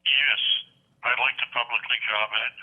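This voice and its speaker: A man's voice: mid-range voice, level tone, normal speed. A middle-aged man calling in on a phone line that sounds like speakerphone. He makes an earnest public comment at a county meeting and builds his argument point by point. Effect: call-in voice over a phone line that sounds like speakerphone.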